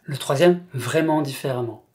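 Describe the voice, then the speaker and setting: A speaker from France narrating a scripted language lesson in a measured, explanatory way. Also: medium pitch, a little mellow. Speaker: language teacher.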